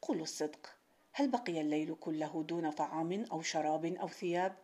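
A stern, commanding rich merchant, bored with everything he owns and quick to anger, as a woman reads him in a storybook. The voice sits low and dark, and it pushes a little louder when he issues challenges. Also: slightly rough. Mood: astonished.

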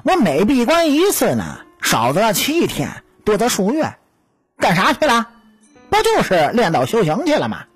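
A woman's voice: on the high side, wildly swooping pitch, normal speed, breathy edge, soft background music, exaggerated voice. A woman voicing a cocky, teasing male weasel spirit in a storytelling audiobook. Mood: smug teasing. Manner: teasing, smug, chuckling.

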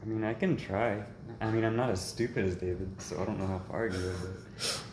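A young man in casual podcast chat, teasing his friend in a dry, deadpan way. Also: lowish voice, fairly quick. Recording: echoey room with faint ambient noise.

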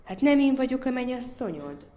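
A woman voicing a sweet, gentle little female frog who coaxes a prince. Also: high voice, very animated, pitched above the performer's own voice. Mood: coaxing.

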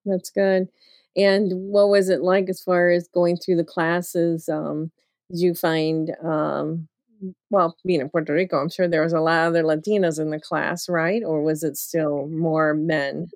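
A woman's voice: deep voice, flat delivery, a little slow, a little mellow, dry recording, studio quality. A woman hosting an interview podcast, reading a scripted intro and then asking loose questions with fillers. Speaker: podcast host.

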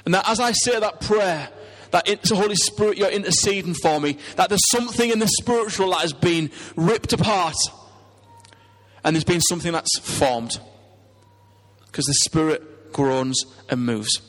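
Preaching in a Teesside English accent, a man delivers a sincere, conversational sermon and poses questions to the congregation. His voice sits high and is a bit bright, at normal speed, echoing with long hall reverb.

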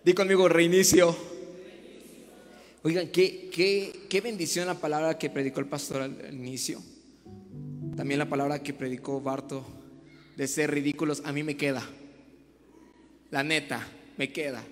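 A young man with a Mexican accent preaching a lively sermon to a youth crowd in a large hall, shouting calls and joking between prayers. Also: on the high side, normal speed, pauses often. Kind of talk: energetic live sermon to young people. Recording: echoing hall with music behind.

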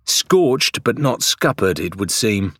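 A man's voice: on the low side, very animated, takes it slowly, a bit bright, no echo, clean studio sound, exaggerated voice. A man voicing a grim, blunt female pirate captain who speaks curtly. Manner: curt and grim.

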